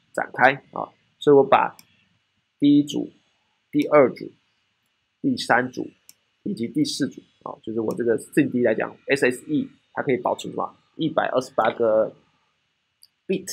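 A man's voice: medium pitch, vocal fry, husky. A man with a Taiwanese Mandarin accent giving a technical classroom lecture, often asking rhetorical questions and checking in with "right?".

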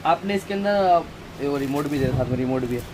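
Chatty man with a high voice in a noisy shop. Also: lively intonation, fairly quick, a little mellow. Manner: chatty, preachy asides. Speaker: shop owner showing stock. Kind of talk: casual product walkthrough. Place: crowded housewares shop, indoors. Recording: noisy shop with traffic outside.

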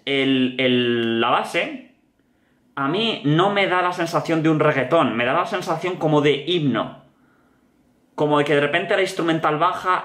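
A young man with a Spain Spanish accent giving animated, slang-filled commentary while reacting to a music video. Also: a little high. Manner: animated, slangy, repeats "tío" often. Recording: echoey room.

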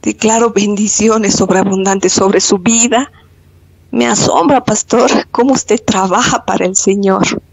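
A woman's voice: mid-range voice, steady tone, a little slow, gravelly, husky, no room sound, poor audio. A woman with a Bolivian accent, giving an earnest, devout testimony to her pastor over an online call. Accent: Bolivian Spanish. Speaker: church member giving a testimony.

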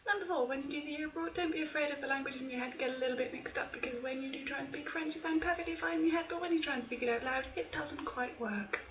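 A young woman in her twenties, vlogging in a rapid-fire, chatty, self-mocking way. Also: high-pitched, roomy sound, low-quality recording. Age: young adult. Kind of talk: fast list-style vlog. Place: shared house on a year abroad.

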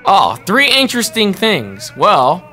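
A man's voice: high-pitched, huge pitch swings, slow pace, sharp tone, faint music behind. A young adult man giving casual gameplay commentary in a reactive, profane, repetitive way. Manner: profane, reactive, repeats himself. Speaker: gaming video player.

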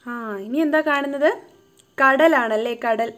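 A woman gives a home-tuition phonics lesson. She breaks each word into single sounds, drawing out every syllable and asking gentle questions to coax the learner along. Her voice sits a little high. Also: unhurried.

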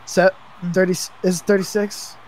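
A man's voice: high-pitched, little pitch movement, measured pace, over a noisy crowd, rough recording. A man co-commentating a livestream, laughing often and playful. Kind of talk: casual livestream chat.

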